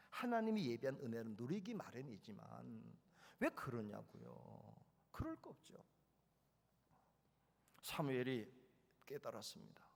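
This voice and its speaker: A male preacher giving a lively sermon, telling family stories and acting out the voices of his children and himself. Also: vocal fry. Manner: animated storytelling, voicing children and parent with big swings in pitch and loudness. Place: large hall at a retreat. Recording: long hall reverb.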